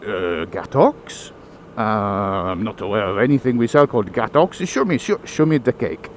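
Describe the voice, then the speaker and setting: A man's voice: lowish voice, expressive, normal speed, a little hiss or hum, pitched below the performer's own voice. A man voicing a smug, mock-arrogant French baker with a put-on French accent and stiff, formal phrasing. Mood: puzzled.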